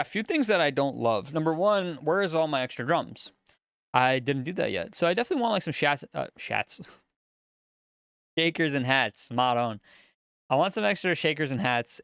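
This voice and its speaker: A man's voice: medium pitch, clear, resonant tone, no room sound. A man, a music producer, casually talking through a studio session as he works in a music studio. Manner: relaxed, chatty, explains as he works.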